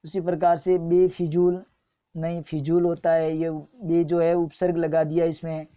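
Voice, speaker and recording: A woman's voice: lowish voice, flat delivery, a little slow, lo-fi sound. A woman teaching a spelling lesson for exam students, patiently repeating each wrong and right form. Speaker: Hindi grammar teacher.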